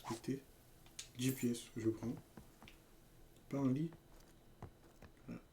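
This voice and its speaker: Male let's-play gamer, mid pitch, slangy and loose, with explosive shouts; faint background hiss. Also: steady tone, slow. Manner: slangy, reads game text aloud, bursts into loud shouts. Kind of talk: casual gameplay commentary.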